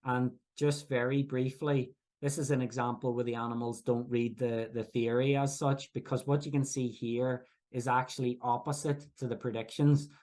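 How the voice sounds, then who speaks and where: A Belfast man from Northern Ireland, speaking with a Belfast accent, presents his research at a workshop in an academic talk. His voice is medium in pitch, darkish, and fairly flat, and he explains things haltingly, with frequent fillers and many restarts.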